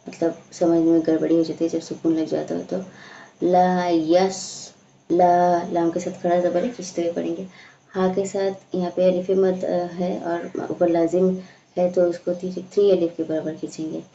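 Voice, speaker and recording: A woman teaching a slow, patient recitation lesson, explaining each sound and stretching out the recited words. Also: lowish voice, level tone, warm tone, a little hiss or hum. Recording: echoey room, dull lo-fi sound.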